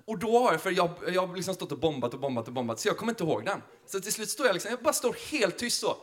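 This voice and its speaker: A man, a comedian, telling a story in an animated way, laughing and acting out the people he quotes. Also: sits high.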